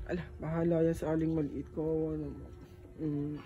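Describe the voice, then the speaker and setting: A woman's voice: sits low, level tone, brisk, warm tone, breathy edge, muffled recording. A woman vlogger, talking to viewers in a playful, teasing, coaxing way. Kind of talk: casual vlog.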